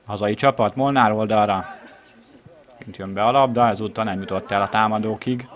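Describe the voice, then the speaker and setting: Outdoors at the ground, a fairly low-voiced man provides live commentary on an amateur regional football match. His play-by-play is measured and descriptive, rising into excitement whenever a chance develops.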